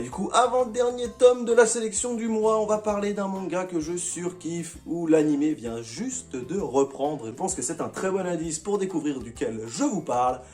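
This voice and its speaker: A casual, slangy man talks straight to his viewers about the manga volumes he picked this month. His voice sits a little high and stays upbeat and chatty. Soft music plays quietly behind him. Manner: chatty, enthusiastic, uses slang. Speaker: manga reviewer.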